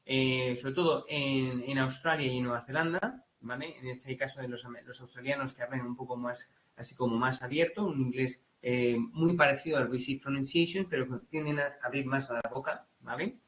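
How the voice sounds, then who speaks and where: A man with a Spanish accent giving a relaxed exam-prep lecture in Spanish, full of fillers and checks like "right?", now and then imitating English accents. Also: mid-range voice, moderate pace, hardly any pauses, a little hiss or hum, low-quality recording. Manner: casual, many fillers, mimics English accents. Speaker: teacher.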